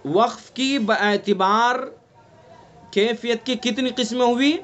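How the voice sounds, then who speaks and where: A man from India teaches an online Quran recitation class in a high-pitched voice. He repeats each term and keeps checking the students with questions. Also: fairly bright tone. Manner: explains slowly, repeats terms, quizzes students with questions. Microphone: online class recording.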